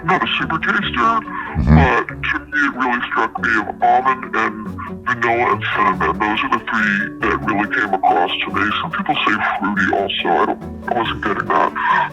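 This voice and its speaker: A man's voice: lowish voice, lively intonation, normal speed. A man, an anonymous chef, speaking over a phone call in a casual interview, plainspoken and guarded with a wry edge. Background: guitar background music.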